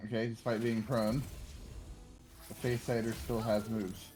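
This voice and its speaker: A man playing a co-op game with friends, joking around in relaxed banter. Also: lowish voice, unhurried, soft background music. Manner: joking, laid-back banter. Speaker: co-op game player. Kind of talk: casual gaming chat.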